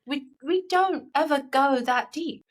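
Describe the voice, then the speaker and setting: Speaking in an unhurried, high-pitched voice, this co-host of a coaching podcast explains her ideas sincerely and casually. She tends to restart her sentences a lot.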